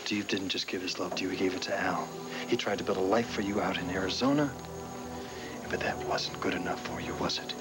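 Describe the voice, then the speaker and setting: A man's voice: medium pitch, lightly acted, low-quality recording. An actor playing a scornful, self-assured man in a television soap opera, with a sarcastic, cutting, emphatic delivery. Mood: accusing. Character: scornful, self-assured man berating his former lover.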